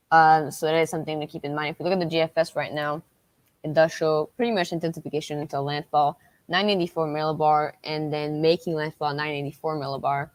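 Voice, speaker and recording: A woman hosting a livestream as a weather tracker, talking through storm updates unscripted in a halting, repetitive way. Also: deep voice, no echo.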